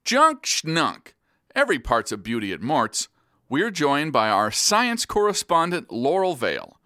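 A weary, exasperated male radio host of the post-apocalypse. His voice is bright and high, recorded close and dry. The delivery is that of a harried announcer in radio comedy. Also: huge pitch swings, measured pace, no room sound, heavily acted. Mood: announcing. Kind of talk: scripted satirical radio show.

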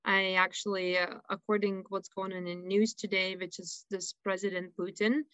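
A woman with a Lithuanian accent tells her own story as a radio guest, earnest and halting, pausing on fillers. Her voice comes through a slightly dull, dry line. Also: medium pitch, level tone, a bit bright, no room sound. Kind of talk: personal storytelling interview.

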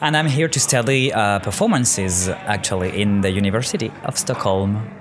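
A man's voice: fairly low pitch, moderate pace. French-accented man, music behind. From France. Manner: hesitant, many restarts and fillers. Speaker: guest, student. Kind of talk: casual interview answers. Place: outdoors in a city neighborhood. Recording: music playing clearly behind. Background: clear music.

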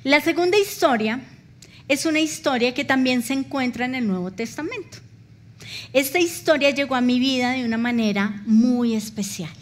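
Lady pastor preaching, high voice, emotional storytelling. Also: moderate pace. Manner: emotional storytelling, acts out dialogue. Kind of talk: sermon.

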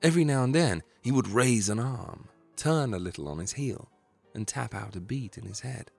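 A man narrating a true story in a measured, dramatic storytelling style. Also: mid-range voice, animated, vocal fry, a little mellow, breathy edge, faint music behind.

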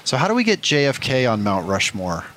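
A man's voice: medium pitch, wildly swooping pitch, brisk, a bit bright. A man co-hosting a trading card show in casual, bantering chat. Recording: faint background room noise.

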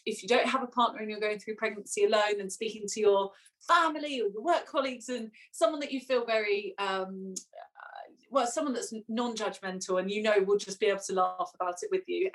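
A woman's voice: medium pitch, a bit bright. A young woman in casual chat, laughing often and acting out what people said to her. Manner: chatty, laughs often, acts out quotes. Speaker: podcast guest.

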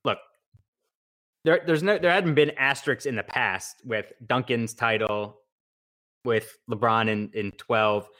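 A man's voice: mid-range voice, measured pace. Teasing podcast co-host, man. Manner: teasing, lively banter. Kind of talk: casual sports talk.

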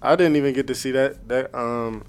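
A young man co-hosts a laid-back sports interview, his voice at a middle pitch. He rambles easily, leaning on fillers as he builds up his questions. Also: moderate pace, smooth. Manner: easygoing, rambling with many fillers. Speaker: podcast co-host. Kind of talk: casual interview.

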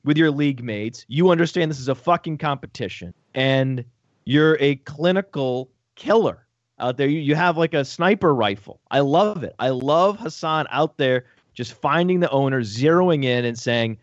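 A man talking fantasy football on a casual sports podcast, excitable and joking, with profane rapid asides. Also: fairly high pitch, no echo. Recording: dull lo-fi dry audio.

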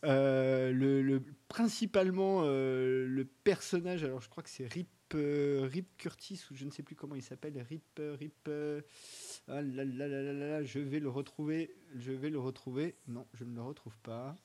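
A man's voice: mid-range voice, steady tone, moderate pace, dark tone. A man co-hosting a casual podcast, talking about an upcoming TV series in a rambling, hesitant way with lots of fillers and restarts. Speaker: podcast co-host presenting a segment.

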